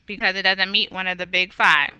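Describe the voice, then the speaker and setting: A woman's voice: mid-range voice, fairly even intonation, fairly quick, bright, forceful tone, clear, resonant tone, highs cut off. A woman teaching a recorded geometry lesson, walking through problems patiently and correcting herself aloud. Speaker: math teacher.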